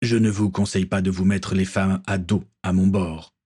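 A calm, commanding ship captain, as a male narrator gives him voice. The delivery stays measured and firm, close to the reader's own low register. A husky breathiness runs through it.

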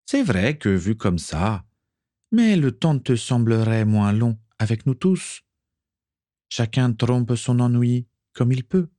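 A man's voice: medium pitch, very animated, slow pace, dark tone, dry recording, clean studio sound, voice pushed up. A man voicing a caring, teasing Russian woman who cooks aboard a ship, in a read-aloud story. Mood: gentle.

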